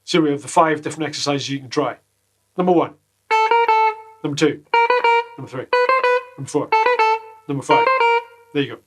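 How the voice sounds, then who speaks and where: A man gives a relaxed guitar lesson from a small home studio, and his voice sits a touch higher than most men's. He drops deadpan jokes between the explanations. Loud guitar plays behind him. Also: moderate pace, pauses often. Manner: jokey, deadpan asides. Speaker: guitar teacher. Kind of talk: casual video lesson.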